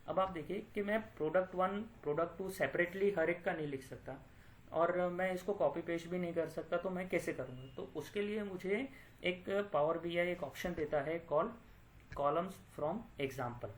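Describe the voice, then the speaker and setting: Thinking aloud while clicking, a man with a fairly high voice guides listeners through a software tutorial as a data analytics tutor. Filler-laden pauses and mid-sentence self-corrections are frequent. Beneath it all, a faint hiss can be heard.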